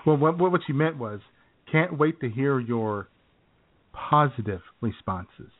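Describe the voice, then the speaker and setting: On a tinny, phone-like recording, a male podcast co-host with an animated, medium-pitched voice talks a little slowly. The chat is casual, sarcastic and jokey, with plenty of laughing.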